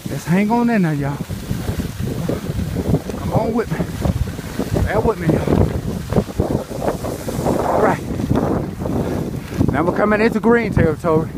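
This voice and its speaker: A middle-aged man with a high-pitched, expressive voice films his own ski run, commentating to viewers in short, repeated phrases while exerting himself outdoors on the slope. He talks in live first-person action commentary into a handheld phone or camera, which picks up loud wind noise amid the rushing ambience.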